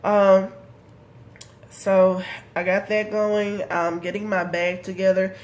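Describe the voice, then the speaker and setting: Stuffed up with a head cold, a vlogger in her thirties rambles chattily through a casual video diary update, filling it with ums and likes. She speaks slowly in a medium-pitched, level voice.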